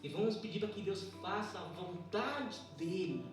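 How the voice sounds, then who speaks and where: A man preaching a sermon to his congregation, emphatic and repetitive, swinging from quiet to shouting. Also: sits high, expressive, moderate pace. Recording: echoey church hall, distant mic, music.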